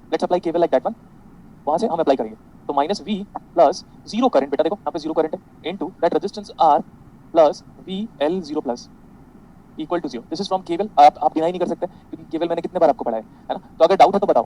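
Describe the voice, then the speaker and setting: A man's voice: fairly high pitch, warm tone, a little hiss or hum, rough recording. A man teaching an engineering class online, mixing Hindi and English, with a sarcastic, exaggeratedly polite manner.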